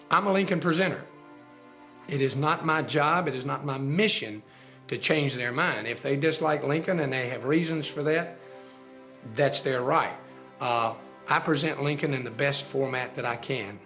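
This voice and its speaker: A man who works as a Lincoln presenter, talking in a folksy, plainspoken way with halting pauses. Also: mid-range voice, creaky, a bit bright. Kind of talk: documentary interview.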